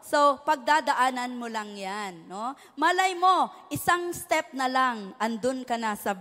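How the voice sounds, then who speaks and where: Female preacher from the Philippines, high register, code-switching sermon full of "no?" tags, long hall reverb. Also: animated, slow, bright, forceful tone. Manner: tags nearly every phrase with a questioning "no?"; mixes languages, switching between English and local tongues. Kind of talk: sermon to a congregation. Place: church hall.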